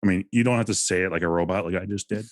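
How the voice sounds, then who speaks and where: A man's voice: deep voice, very fast, no room sound, studio quality. A man co-hosting a casual podcast, giving reflective advice in a conversational way. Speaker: podcast co-host.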